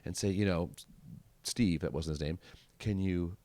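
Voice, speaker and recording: A man's voice: low voice, moderate pace, warm tone, dry recording. A man hosting a podcast, telling rambling anecdotes and acting out other people's lines. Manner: rambling, chatty storyteller acting out quotes. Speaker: podcast host. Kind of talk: podcast interview conversation.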